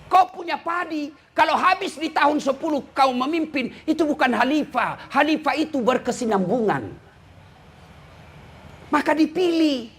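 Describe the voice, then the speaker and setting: A man from Indonesia, an Islamic preacher giving a humorous sermon, teasing and addressing the congregation directly in an animated way. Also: extremely high pitch, moderate pace.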